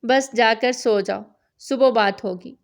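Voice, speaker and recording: Woman narrator doing a gruff, tired husband, short clipped scolding lines, audiobook. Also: on the high side. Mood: stern. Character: stern tired older-brother husband, gruff but fond.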